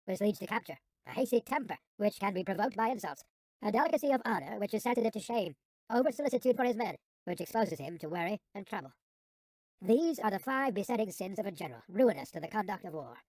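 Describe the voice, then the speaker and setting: A narrator with a sped-up, helium-like chipmunk voice reading an audiobook in a measured, formal way with falling phrase endings. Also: mid-range voice, lively intonation, a little mellow, no echo, low-quality recording.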